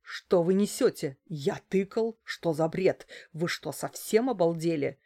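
An arrested male architect protests loudly and indignantly, as a female narrator voices him. His voice stays low and his words come in outraged bursts. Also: animated, a little slow. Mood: protesting. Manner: protesting, loud.

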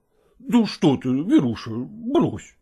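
A man's voice: a little high, huge pitch swings, slow pace, dark tone, breathy edge, lo-fi sound, pitched below the performer's own voice, full character voice. A man reading a story aloud, voicing an actor husband who placates his jealous wife, fibs and makes excuses. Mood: apologetic. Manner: soothing, hesitant, excuse-making. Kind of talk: audiobook character voice.

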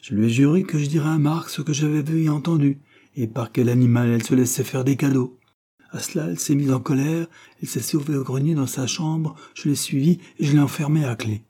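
A fuming, gossipy landlady, her voice pushed up high and loud, husky and mellow underneath, as a male audiobook reader puts her on. she rattles off grievances in breathless, indignant bursts. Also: a little fast. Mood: furious. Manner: indignant, scolding, breathless storytelling. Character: angry gossiping working-class older landlady.

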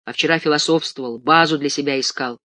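In a dry, close reading, a man plays a stern and weary male patient who scolds firmly. The voice is pitched a little high. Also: fairly even intonation, fast, pushed and bright, dry recording. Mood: reproachful. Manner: firm, reproachful.

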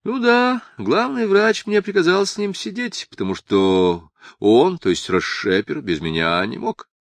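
A drowsy, teasing young woman drawls through the scene, voiced by a male audiobook narrator. The voice sits well above his usual pitch and moves in lively swoops. It is recorded dry and close. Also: a little slow, dry recording. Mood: lazy teasing. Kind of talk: audiobook character voice.

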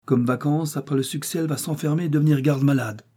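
A man's voice: a little high, fairly even intonation, fast, dark tone, slightly rough, pitched above the performer's own voice. A man voicing a gossiping young classmate. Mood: pitying. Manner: pitying, chatty.

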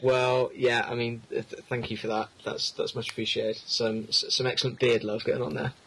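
Husky man with a Wiltshire West Country accent. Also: medium pitch, flat delivery, moderate pace, fairly bright tone, low-quality recording. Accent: West Country English, Wiltshire. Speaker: podcast co-host. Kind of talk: casual chat.

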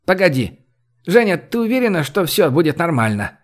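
A man's voice: on the high side, sing-song, moderate pace, pitched above the performer's own voice. A male narrator voicing a worried, protective man who fusses anxiously over others.

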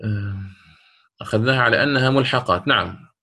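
Bright-voiced man teaching recitation rules. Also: medium pitch, gravelly. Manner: explains step by step, slows to chant quoted verses. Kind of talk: classroom lesson explaining a didactic poem.

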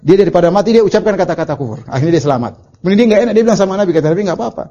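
A middle-aged man preaching a religious study lecture, reciting Arabic and explaining it, with animated storytelling and acted-out quotes. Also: sits high, very fast. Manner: animated storytelling, acts out quoted lines in raised voice. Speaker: Islamic preacher teaching a book. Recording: dull lo-fi lecture recording.

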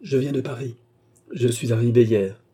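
A man voicing a calm, sharp-tongued male servant who speaks with quiet irony. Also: medium pitch, moderate pace, slightly rough, pitched above the performer's own voice, natural voice. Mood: calm, needling.

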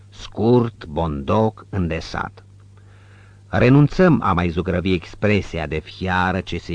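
A man reads an audiobook in a measured, descriptive way. His voice is low and husky. The recording is dry and somewhat muffled. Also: no room sound. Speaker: audiobook narrator. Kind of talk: scripted narration.

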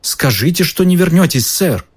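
A man voicing a timid, anxious male house-elf who pleads and keeps saying sir, with a husky voice. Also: fairly high pitch, lively intonation, normal speed, pitched above the performer's own voice. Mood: pleading. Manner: pleading, calls the listener sir.

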